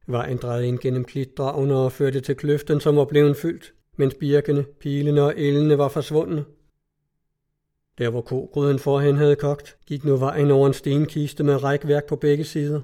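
Man, audiobook narrator, measured literary reading, mellow dark tone, slightly high voice. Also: level tone. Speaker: audiobook reader.

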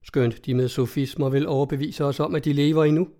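A man's voice: fairly high pitch, steady tone, warm tone, natural voice. A man voicing a stout, fervent old monk who exclaims his warnings. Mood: explaining. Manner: zealous, exclaiming.

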